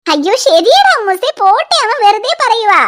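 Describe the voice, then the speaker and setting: Cartoon mom, very high and coaxing, soothing a crying child, voiced by a woman. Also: big pitch swings, moderate pace, fairly bright tone, slight background noise, full character voice. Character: young mother, patient and teasing. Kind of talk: cartoon voice acting.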